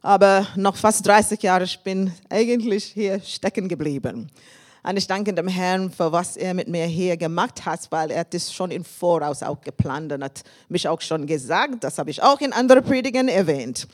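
A woman in her fifties from England, with an English accent on her second language, preaching as a guest and sharing personal testimony with laughs and shouts of praise. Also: fairly low pitch, moderate pace. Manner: warm and thankful, with frequent laughs and praise shouts.

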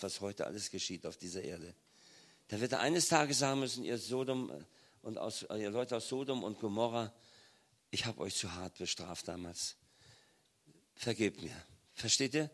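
An older man giving a sermon in a natural, mid-pitched voice. He tells his story with feeling, swelling loud on key points and sinking quiet for tender moments. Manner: emotional storytelling, acts out pleading children softly. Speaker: preacher. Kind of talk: sermon testimony.

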